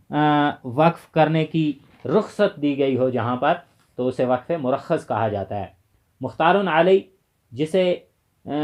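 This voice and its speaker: A man's voice: on the high side, a little mellow. Methodical man teaching tajweed rules. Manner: methodical, lists points by number and defines terms. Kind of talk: exam-prep lecture.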